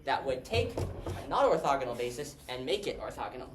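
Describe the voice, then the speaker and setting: Very animated and brisk, a mid-range male voice delivers a math lecture in a lecture hall, chatting casually and putting questions to the class. A distant room microphone makes the sound roomy and far off, with a faint hiss.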